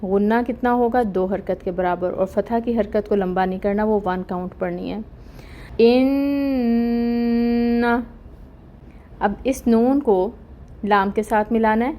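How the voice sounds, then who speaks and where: A woman teaching an online Quran recitation lesson, explaining each rule slowly and deliberately and stretching out the recited words. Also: mid-range voice, warm tone, a little hiss or hum.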